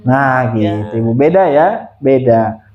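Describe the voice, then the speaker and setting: A man's voice: mid-range voice, lively intonation, takes it slowly, reverberant, highs cut off, over music. A man teaching Quran recitation, patiently repeating and demonstrating pronunciations for a student. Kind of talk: one-on-one recitation lesson.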